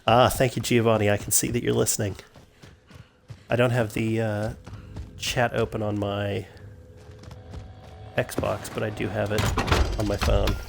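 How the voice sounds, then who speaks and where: An American man casually commenting on his game for viewers, relaxed and self-mocking. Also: fairly low pitch, unhurried, vocal fry, pauses often. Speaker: streamer. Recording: noisy game audio behind. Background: game sounds, gunfire.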